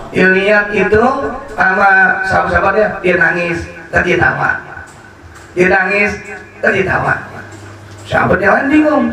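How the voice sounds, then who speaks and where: A male preacher with a strikingly high voice tells stories to his audience, slipping in humorous asides. He is heard from a distance in a booming, echoing hall. A crowd murmurs in the background. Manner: animated storytelling with humorous asides. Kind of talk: sermon. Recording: echoey hall from far off with crowd.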